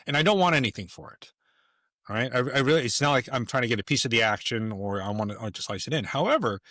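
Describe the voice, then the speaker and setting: Man, podcast guest, bright tense voice, dry close sound, emphatic, restarts a lot. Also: mid-range voice, dry recording. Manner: emphatic, rambling with frequent restarts. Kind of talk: casual conversation.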